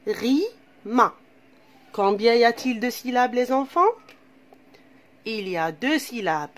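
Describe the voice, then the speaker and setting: Her voice is fairly high with lively intonation as this primary school teacher, speaking with an Algerian French accent, guides young children through reading. She goes slowly and patiently, repeating things and putting questions to the pupils along the way.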